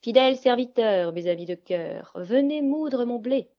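A gruff, greedy old witch from a fairy tale, voiced by a woman who drags her words out with menace. She booms her threats in a storybook reading. The recording is dull and dry. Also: no room sound, lightly acted. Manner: growling, threatening, drawn-out words.

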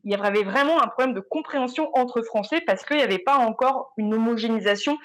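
A woman artist speaking as a panel guest, in a lively, colloquial way with some fillers. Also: fairly high pitch, quick pace. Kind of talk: panel discussion.

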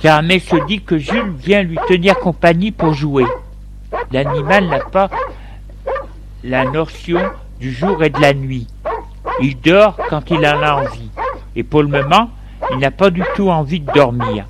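Slow, deliberate male storyteller. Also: a little high. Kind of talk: storybook read-aloud. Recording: steady background noise.

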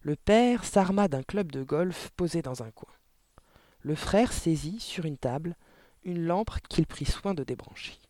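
Animated male storybook narrator. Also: a little high, no echo. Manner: animated, theatrical reading. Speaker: audiobook reader.

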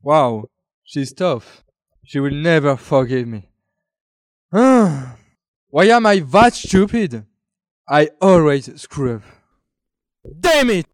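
A clumsy young man, played by a man, speaking slowly and hesitantly, full of self-blame. The voice is mid-pitched and recorded dry. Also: no echo, natural voice. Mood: regretful. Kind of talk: student audio drama acting.

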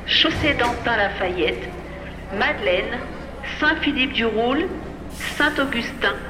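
A woman making a formal safety announcement over a station loudspeaker, reading a list of station names one by one in a measured, even way. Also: a little high, noisy background. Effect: public address announcement over a station loudspeaker. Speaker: transit announcer. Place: underground metro station. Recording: echoey loudspeaker in a long reverberant hall, music behind.

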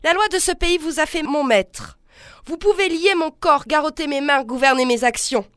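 A woman reading aloud the lines of a proud young wife who answers in an icy, measured, defiant manner. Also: sits high, fairly bright tone, dry recording, clean studio sound, pitched above the performer's own voice.

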